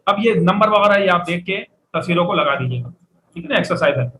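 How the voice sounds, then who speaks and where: A man's voice: high-pitched, expressive, quick pace, a bit bright. A man teaching Arabic vocabulary in a classroom lecture. He drills words and has his students repeat them after him. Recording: echoey room, faint background noise.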